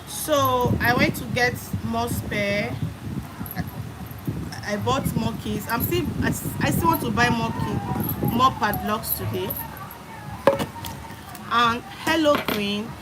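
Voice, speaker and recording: A young adult Nigerian-accented woman chats with viewers on a live stream, greeting them by name and repeating her phrases. Her voice is a little high and slow, with long pauses, over loud background noise.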